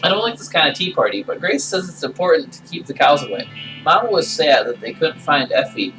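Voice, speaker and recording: A man's voice: a little high, big pitch swings, a little fast, bright, forceful tone, pitched above the performer's own voice. Man reading as a worried young farm girl. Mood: worried, reluctant. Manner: simple childlike phrasing, folksy. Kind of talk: character reading in a game playthrough. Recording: distant mic, music behind.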